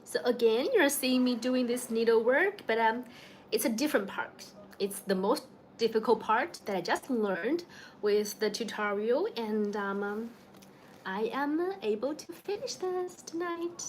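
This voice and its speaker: A young woman from China, with a Chinese accent, runs a relaxed evening livestream from home, greeting people by name and laughing a lot. She speaks unhurriedly in a fairly high voice with lively intonation, over a faint hiss or hum.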